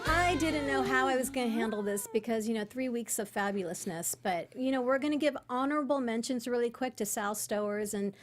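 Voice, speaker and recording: A woman's voice: on the high side, a little fast, few pauses. A woman co-hosting a podcast in casual chat, bubbly and gushing. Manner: bubbly, gushing about fashion. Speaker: podcast co-host.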